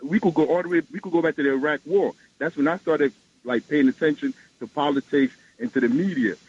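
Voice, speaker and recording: A man phones in to a talk radio show, his voice on the high side, brisk, darkish and slightly rough. He speaks in an impassioned, emphatic way, repeating his points. The phone line sounds dull with a faint hiss.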